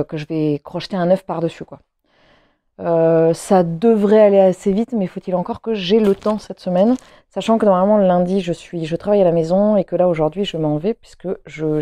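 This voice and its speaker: A woman's voice: lowish voice, dark tone, no room sound. A woman vlogger chatting casually to camera at home, rambling with frequent hesitations and restarts. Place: at home, seated.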